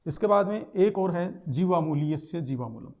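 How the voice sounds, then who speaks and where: A man's voice: a little high, animated, moderate pace, darkish tone. A man teaching a lesson, explaining step by step, repeating terms and sounding out letters.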